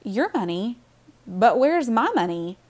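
A woman voicing a stubborn, hurt young girl in a storybook reading, shrill and demanding. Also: very animated, a little slow.

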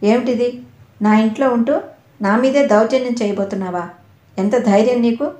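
A woman's voice: on the high side, moderate pace, natural voice. Woman voicing a terrified, defiant young wife. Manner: shouting in fear and anger. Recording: echoey room.

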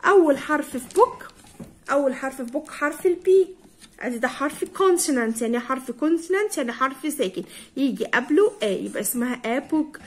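A young woman speaking with an Egyptian Arabic accent teaches English to primary schoolers. She has a high, animated voice and drills vocabulary at a slow pace, repeating words and spelling them out.

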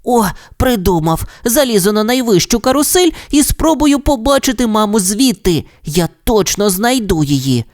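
A narrator voicing an excitable little male corgi puppy in a storybook, asking eager, high questions. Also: normal speed, hardly any pauses, dry recording, studio quality, close to an everyday voice. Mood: worried. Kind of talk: storybook character voice.

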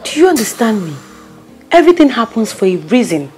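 Her voice on the high side with a darkish tone, the woman plays a bossy, loyal young friend, brisk and very animated. She has a Nigerian accent, uses Pidgin slang emphatically, and sounds firm and consoling in this naturalistic film drama, with faint music behind.

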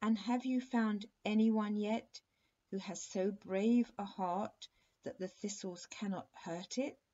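A woman voicing an eager, cheerful little princess girl in a bedtime storybook, raised high and loud, on a dull lo-fi recording. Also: fairly even intonation, slow pace. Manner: bright, gushing, high and loud.

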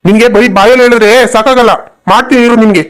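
A man's voice: very high-pitched, steady tone, very fast, clean tone. A man voicing a cruel, hot-tempered young husband in a cartoon, with a harsh, threatening manner. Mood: angry.

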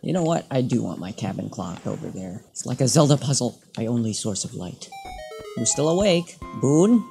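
A man's voice: mid-range voice, big pitch swings, normal speed, gravelly, dark tone, faint music behind. A man giving casual let's-play commentary, playfully haggling and bickering with the characters on screen. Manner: playful, mock-bargaining with game characters. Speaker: gameplay commentator.

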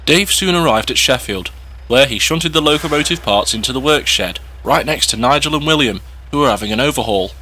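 Bright-voiced male story narrator. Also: medium pitch, expressive, brisk, slightly rough.

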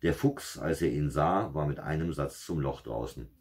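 Calm bedtime storyteller, a man with a very low voice, slightly husky, relaxed and self-mocking. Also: normal speed. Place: small home studio.

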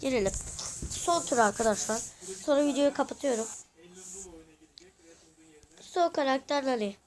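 High voice, excitable, gameplay commentary, talks to viewers, cries out when losing. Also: normal speed. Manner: addresses viewers, asks for subscribes and likes. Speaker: gaming channel host.

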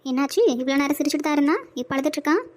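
A woman's voice: sits high, steady tone, rapid-fire, background noise, lightly acted. A woman voicing a young wife and mother in a cartoon, bossy but sweet, chirpy and scolding.

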